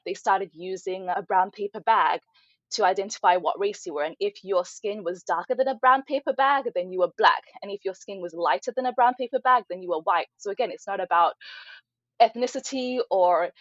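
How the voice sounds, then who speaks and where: A woman born in Nigeria speaks as a podcast guest, laying out her points in an earnest, measured way. Her voice comes through muffled and a little lo-fi. The room sounds dry and close. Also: mid-range voice, a bit bright, no echo. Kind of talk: conversational podcast interview.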